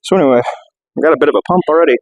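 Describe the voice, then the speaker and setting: A man talking casually through his gym workout as a fitness vlogger, chatty and relaxed with lots of fillers, catching his breath between sets. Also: a little high, racing, narrow, tinny audio.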